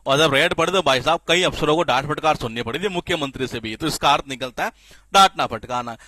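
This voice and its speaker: A man teaching spelling in a classroom-style lecture, lively and repetitive, often asking the class questions and answering them himself. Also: a little high, fast talker, no echo. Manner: lively, repeats questions to the class, frequent filler "ye".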